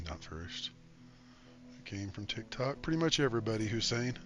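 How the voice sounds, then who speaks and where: A man streaming a game, greeting viewers by name in relaxed live-stream chat. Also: on the low side, moderate pace, faint music behind. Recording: stream with steady background noise.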